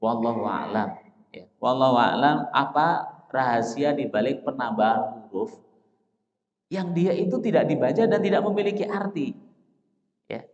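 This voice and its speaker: A man's voice: medium pitch, expressive, moderate pace, pauses often, highs cut off. Male mosque teacher in an echoey hall. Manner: asks the audience questions and answers them himself; addresses listeners as Pak, Bapak Ibu. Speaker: Islamic teacher. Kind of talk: dawn mosque study lecture.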